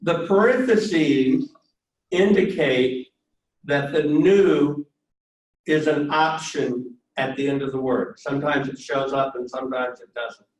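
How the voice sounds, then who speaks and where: A man teaching Greek pronunciation in a classroom lecture, speaking step by step and pausing for an interpreter. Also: medium pitch. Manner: slow, step-by-step, pauses for the interpreter. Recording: echoey room, distant mic, faint noise.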